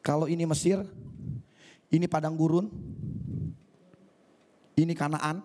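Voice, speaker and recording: A male pastor preaching a sermon for an online church service, lively and acting out scenes, with English phrases mixed in. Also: a little high, a little slow. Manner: animated, acts out scenes, mixes in English phrases.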